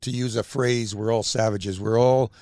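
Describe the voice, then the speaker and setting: A man's voice: fairly low pitch, fairly even intonation, normal speed, warm tone, no echo, clean studio sound. A man co-hosting a podcast who chimes in with agreement and motivational phrases. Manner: affirming, chiming in. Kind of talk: casual podcast chat.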